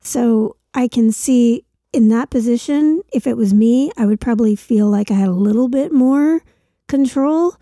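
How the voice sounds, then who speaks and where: A woman co-hosting a podcast in casual chat, with a gravelly voice from a chest infection. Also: on the high side, normal speed, mellow, no echo, studio quality. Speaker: podcast co-host.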